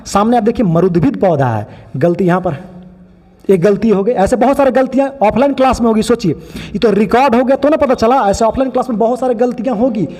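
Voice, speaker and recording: High-voiced teacher in a reverberant room. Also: male voice, mellow. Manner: critical, explaining, repeats points. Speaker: biology teacher. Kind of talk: online lesson commentary.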